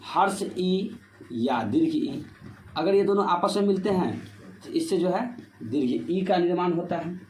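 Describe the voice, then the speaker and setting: A Hindi grammar teacher with a voice high for a man explains grammar rules to exam students, expressive and unhurried with a darkish tone. He repeatedly asks rhetorical questions and answers them himself, sprinkling in "ठीक है" as a filler. The room echoes clearly over a faint hiss.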